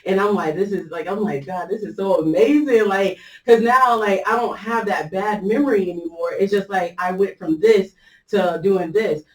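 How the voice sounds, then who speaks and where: A woman's voice: mid-range voice, moderate pace, a little mellow, far from the mic. A woman casually telling a personal faith story, chatty and loose, with lots of fillers and easy laughter. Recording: echoey room, voice set back from the mic.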